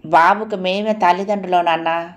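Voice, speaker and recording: A woman's voice: lowish voice, fairly even intonation, normal speed, lo-fi sound, natural voice. A woman reading a hesitant, remorseful grown son. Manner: hesitant, pleading.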